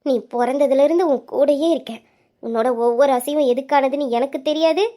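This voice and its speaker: A woman's voice: high-pitched, fairly quick, warm tone, close to an everyday voice. A woman voicing a knowing elder sister who lectures her younger brother firmly in an amateur audio drama. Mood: stern. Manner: firm, lecturing. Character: knowing elder sister, stern yet caring.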